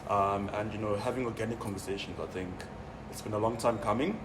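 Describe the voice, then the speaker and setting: A young man in his twenties with a South African accent talks about himself in a relaxed way, full of "you know" and "um". His low voice sounds set back from the mic. A steady noisy hum sits under the recording. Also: quick pace. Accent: South African English. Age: 20s. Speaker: interview guest. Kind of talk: casual interview. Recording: distant mic, noisy room.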